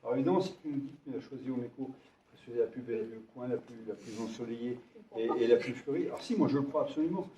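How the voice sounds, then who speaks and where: Speaking very fast in a mellow, medium-pitched voice, a man acting as mayor introduces volunteers at a town meeting, hesitating, repeating himself and joking warmly. He's distant from the mic in an echoey room, with dull sound and slight background noise.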